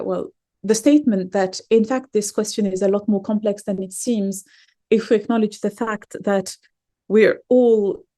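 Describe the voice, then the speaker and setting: A woman's voice: medium pitch, dark tone. A woman from Morocco, a guest author in a podcast interview, speaking thoughtfully and often restarting her sentences.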